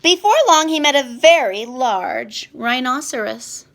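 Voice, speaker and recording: Woman reading a kids book out loud, high voice, bouncy melody, slow. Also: vocal fry. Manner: slow, expressive, sing-song. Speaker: storyteller. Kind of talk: reading a children's picture book aloud.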